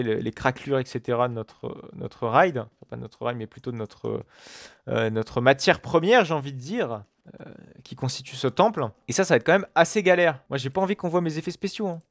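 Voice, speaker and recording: A man talks through a building game at his computer in loose, chatty commentary. He swears freely and keeps turning to his viewers with fillers and asides. His voice is mid-pitched and recorded dry, with no room echo. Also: brisk. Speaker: gaming video creator. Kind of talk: casual let's-play commentary.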